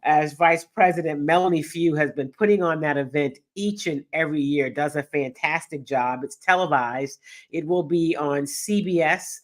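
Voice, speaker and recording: Nasal from a cold, a middle-aged Texas woman speaks at normal speed in a low voice while hosting a live sports talk show. In upbeat, casual stream chatter, she talks straight to viewers and reads the chat aloud.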